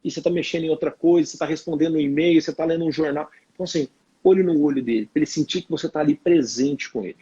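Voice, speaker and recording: A Brazilian man co-hosting a live stream, reading out viewer questions and giving brisk advice, acting out quoted lines of parents and teenagers, on muffled lo-fi audio. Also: on the high side, warm tone, breathy edge. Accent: Brazilian Portuguese.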